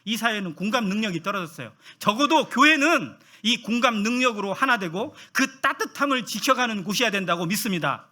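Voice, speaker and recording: Animated, bright-voiced male preacher. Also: sits high, fairly quick, few pauses. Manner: animated, acts out quoted voices, asks the congregation questions. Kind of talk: sermon.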